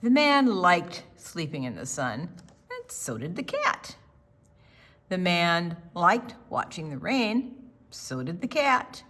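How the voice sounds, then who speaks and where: This older woman, voice on the low side, reads aloud to a group of young children. She's measured and expressive, tossing in conversational asides and questions to them.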